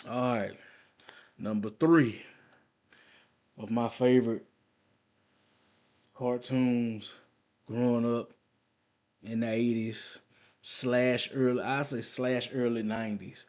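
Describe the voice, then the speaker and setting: A man's voice: on the low side, a little mellow. A man in his forties reminiscing casually on a vlog, rambling in slangy talk and often repeating himself. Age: 40s. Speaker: vlogger. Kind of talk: casual nostalgic storytelling.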